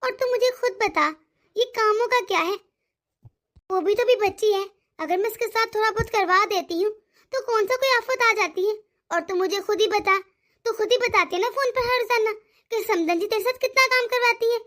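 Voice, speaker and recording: A woman voicing a doting, fretful older mother-in-law in an animated cartoon, speaking softly and with worry. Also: very high voice, moderate pace. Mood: coaxing. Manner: soft-spoken, worried, coaxing.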